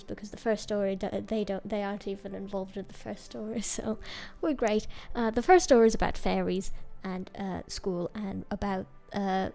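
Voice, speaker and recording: A woman's voice: medium pitch, gravelly, dark tone. A woman talking through her digital drawing in a casual voice-over, rambling and hesitant, often restarting and laughing at herself. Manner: self-mocking, laughs at herself. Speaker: digital artist.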